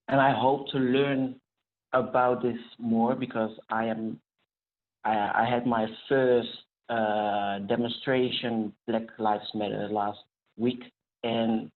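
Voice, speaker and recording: A man's voice: mid-range voice, flat delivery, takes it slowly. A man, speaking hesitantly with frequent restarts on a video call. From Netherlands. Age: 40s. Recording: tinny phone-like call audio.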